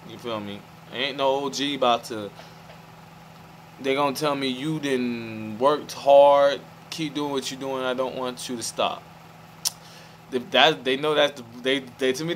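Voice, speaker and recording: A man's voice: mid-range voice, a bit bright, poor audio. Male vlogger, mid-range voice, rambling stream-of-thought delivery, faint motor hum underneath. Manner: meandering, restarts, keeps asking "you feel me". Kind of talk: rambling monologue to camera.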